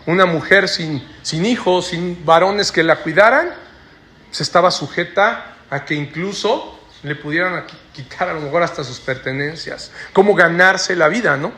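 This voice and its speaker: A man's voice: a little high, normal speed, bright, forceful tone. A man preaching a sermon to a congregation in church, often ending his phrases with a questioning "¿no?". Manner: tags sentences with rhetorical "¿no?".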